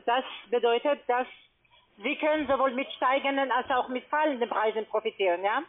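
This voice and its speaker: A call-centre agent pitches trading over a tinny, narrow-band phone line. She is a woman whose first language isn't German, and her accent shows it. Her sales talk is halting, and she keeps repeating and rephrasing as she explains.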